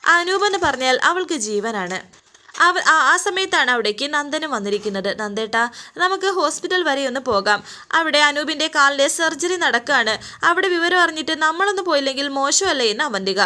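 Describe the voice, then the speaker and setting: A woman with a high, bright voice narrates the episode like a story, moving briskly through each scene in present tense. She reads the characters' quoted lines inside her own telling rather than acting them out. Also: expressive. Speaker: serial episode recap narrator. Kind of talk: storytelling recap of a TV serial.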